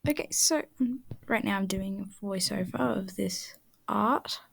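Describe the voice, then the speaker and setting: A woman's voice: medium pitch, a little slow, gravelly, slight background noise. A woman chatting casually in a voice-over while she draws, rambling and often dropping to a half-whisper. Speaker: art channel creator.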